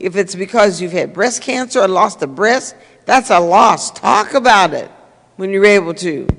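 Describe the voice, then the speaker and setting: A woman's voice: medium pitch, lively intonation, moderate pace, a bit bright, slight background noise. An older woman, giving an earnest, repetitive, conversational talk to a congregation as a minister. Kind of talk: sermon-style talk to a congregation. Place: church sanctuary. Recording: reverberant church hall.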